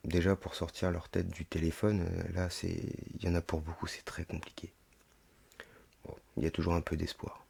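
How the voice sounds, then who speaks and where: A man's voice: low-pitched, little pitch movement, fairly quick, gravelly, few pauses, darkish tone, slightly rough. A man hosting a solo podcast, reading aloud and commenting with rhetorical asides, his throat sounding sore and swollen, as with tonsillitis. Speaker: podcast host. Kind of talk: monologue reading a text aloud with running commentary.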